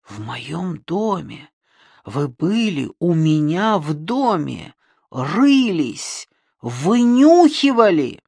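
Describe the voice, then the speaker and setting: A reader voicing a tormented male killer who breaks into hysterical, fervent shouting in an audiobook. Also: mid-range voice, very animated, gravelly, breathy edge, no room sound, exaggerated voice. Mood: raving. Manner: slow, halting, fervent. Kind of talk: audiobook reading.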